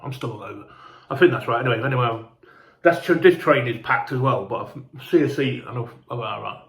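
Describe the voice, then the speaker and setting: A man's voice: medium pitch, brisk, a bit bright, roomy sound. A man telling a casual, rambling travel story, sweary and chatty, sounding hungover and unwell. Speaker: fan vlogger.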